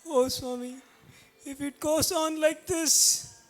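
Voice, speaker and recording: A woman's voice: sits high, steady tone, takes it slowly. A woman playing a poor, desperate mother who pleads anguished with her husband, in an amateur devotional stage drama. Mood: pleading. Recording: background violin music.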